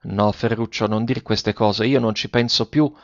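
A man's voice: lowish voice, steady tone, moderate pace, no echo, natural voice. Trembling old grandmother, tender and desperate, a man reading her; dull dry audio. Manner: trembling, pleading.

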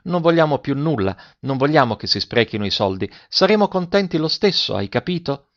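A man's voice: medium pitch, sing-song, fairly quick, voice pushed up. A man voicing an earnest, determined young girl pleading with her mother, in a slightly dull recording. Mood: resolute. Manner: resolute, pleading.

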